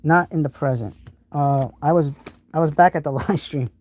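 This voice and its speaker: With a New England accent, a man from the United States hosts a tool stream live, enthusiastically rambling through demos and chat replies with many restarts. His voice is a little high and a little mellow, at a moderate pace.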